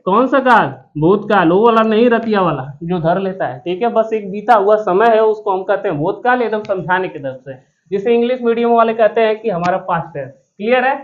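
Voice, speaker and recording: A man's voice: high-pitched, a little fast. Male teacher, classroom grammar lesson, repeats questions for the class to answer, cracks jokes, slightly muffled audio. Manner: repetitive question-and-answer drilling; joking asides to students. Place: classroom with students present.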